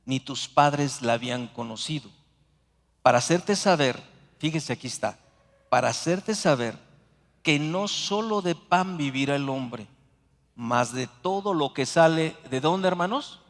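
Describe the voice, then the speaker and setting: A man's voice: a little high, animated. Mexican man preaching in a reverberant hall. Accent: Mexican Spanish. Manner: preaching with slow emphatic scripture readings. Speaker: pastor. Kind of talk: sermon. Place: church sanctuary.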